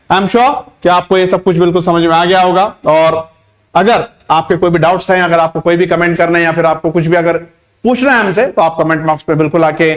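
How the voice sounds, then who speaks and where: A man tutoring English vocabulary in Hindi, explaining each word and reading English example sentences slowly and deliberately. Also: on the high side. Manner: emphatic, repeats points with rhetorical questions.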